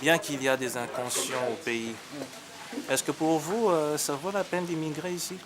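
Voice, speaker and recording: A man's voice: on the high side, fairly even intonation, moderate pace. A man from Congo-Kinshasa with a Congolese French accent, chatting and narrating his own documentary. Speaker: filmmaker and interviewer. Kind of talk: casual chat and documentary narration. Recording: audible background noise.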